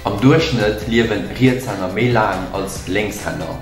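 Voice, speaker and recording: A man's voice: fairly low pitch, measured pace. A young adult man with a Luxembourgish accent, co-hosting a video and casually presenting facts and tricks. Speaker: video co-host. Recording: echoey room with music behind. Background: music.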